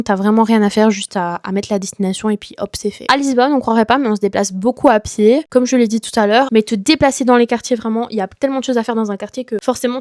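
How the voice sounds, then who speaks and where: A woman's voice: a little high, a little mellow, dry recording, studio quality. A young woman giving casual, enthusiastic travel tips straight to the viewer. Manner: chatty, enthusiastic, addresses viewer as tu. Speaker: travel vlogger.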